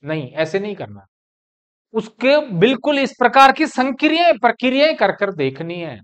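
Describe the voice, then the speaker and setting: A man's voice: very high-pitched, big pitch swings, moderate pace, a bit bright, smooth. A middle-aged man teaching Hindi grammar as a classroom lecture, asking questions and answering them himself. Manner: explains step by step, asks and answers his own questions.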